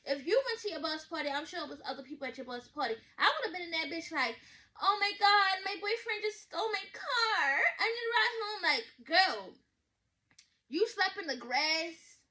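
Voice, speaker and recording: A woman, reacting to a story in blunt, sassy, animated casual commentary. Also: very high-pitched, normal speed. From Baltimore, USA. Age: 20s. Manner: blunt, sassy, loud and animated with slang and swearing. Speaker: vlogger reacting to a reader's story.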